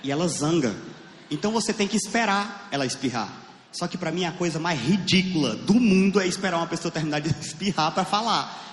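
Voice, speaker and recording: A man with a Brazilian Portuguese accent doing a crude stand-up set on a theater stage, animated and laughing at his own jokes. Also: fairly high pitch, fairly quick. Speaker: stand-up comedian. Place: theater stage with live audience. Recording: echoey hall with room noise.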